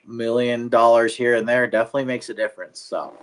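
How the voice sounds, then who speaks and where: A man's voice: medium pitch, level tone, fast talker. A man co-hosting a casual livestream chat, laid-back and swearing freely as he rambles. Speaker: podcast co-host.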